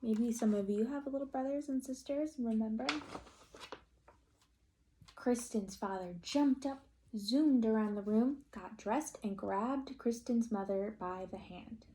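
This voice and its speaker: A woman reads a children's picture book aloud, slowly and with plenty of expression. She talks in a fairly high voice and often stops to ask her young listeners questions. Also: warm tone, slight background noise. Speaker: teacher reading aloud. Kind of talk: children's read-aloud storytime.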